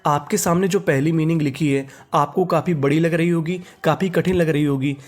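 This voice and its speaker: Guy teaching english words, spells them out, keeps asking what do we read, kinda high voice. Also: steady tone, fairly quick, darkish tone. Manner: repeats each word and asks "what do we read?".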